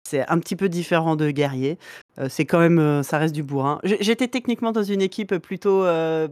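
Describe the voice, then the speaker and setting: A woman co-hosting a podcast, chatting casually and enthusiastically about a video game, blunt and quick to swear. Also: low voice, a little mellow, no room sound, clean studio sound. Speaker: podcast co-host. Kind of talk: casual gaming chat.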